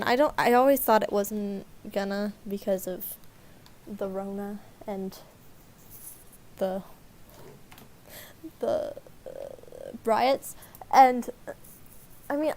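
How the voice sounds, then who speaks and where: A woman's voice: a little high, darkish tone. A woman chatting on a livestream in a friendly, teasing way, laughing easily. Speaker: artist on a livestream. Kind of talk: casual chat.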